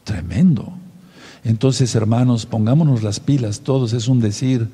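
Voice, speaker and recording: A man's voice: medium pitch, a little slow, dark tone, slightly rough, in a large hall. A man preaching a sermon to his congregation, stressing key words and spelling some out letter by letter.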